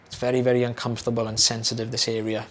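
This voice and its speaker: A young British audiologist fires off a rapid explanation of a procedure to camera, chatty and relaxed with many fillers and repeated words. His medium-pitched voice is a touch hoarse, like it's going, and there's slight background noise.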